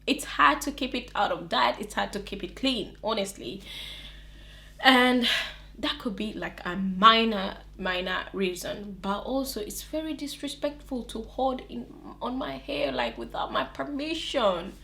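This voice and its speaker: This young woman's medium-pitched voice is gravelly and a little slow as she vlogs casually to camera. She has a non-native English accent, though English counts as her first language and she comes from neither England nor America. Chatty and animated, she laughs a lot and makes many restarts.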